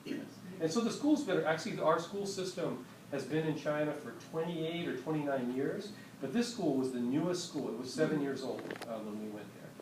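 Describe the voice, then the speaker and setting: Relaxed man chatting, distant and roomy. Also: on the high side, brisk. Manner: relaxed, chatty, with frequent fillers. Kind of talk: casual talk to a group. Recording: roomy, far from the mic, noisy.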